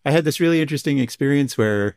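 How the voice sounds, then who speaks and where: A man's voice: mid-range voice, lively intonation, racing, darkish tone, clean tone. Enthusiastic man explaining research. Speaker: psychologist guest. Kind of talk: conversational interview.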